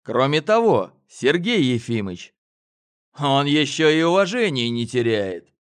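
A man's voice: mid-range voice, big pitch swings, a little slow. A man voicing a touchy, hot-tempered younger twin brother in an audiobook. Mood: touchy, irritable. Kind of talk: audiobook character voice.

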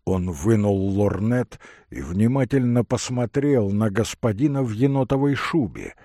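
A man narrating a classic novel as an audiobook, in a theatrical, expressive way. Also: fairly low pitch, unhurried, no room sound, clean studio sound.

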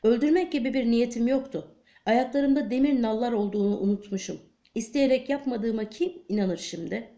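A woman voicing a huge, gentle male cart horse, reading his lines softly and sorrowfully in a storybook. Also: on the high side, brisk, lo-fi sound, close to an everyday voice.

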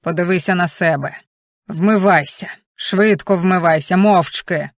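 A woman voicing a domineering rich husband in an audiobook, lowering her voice into calm, cold commands. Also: measured pace, dry recording, studio quality. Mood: shouting.

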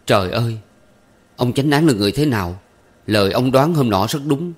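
A man's voice: mid-range voice, expressive, fairly quick, pitched above the performer's own voice, lightly acted. A man voicing an anxious young man who humbly pleads with his elders. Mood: pleading.

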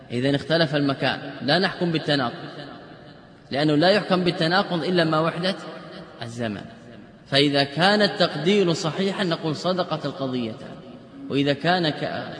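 A man's voice: on the high side, fairly bright tone. A man teaching a classroom lecture on logic, explaining step by step with example sentences and rhetorical questions. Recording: echoey hall with long reverb.

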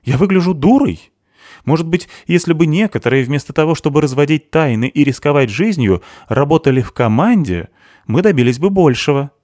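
A man voicing an indignant young woman who complains loudly and feels overlooked. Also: on the high side, lively intonation, normal speed, no echo, clean studio sound, pitched above the performer's own voice, close to an everyday voice. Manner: exasperated, loud complaints. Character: indignant young woman, hardworking, easily offended.

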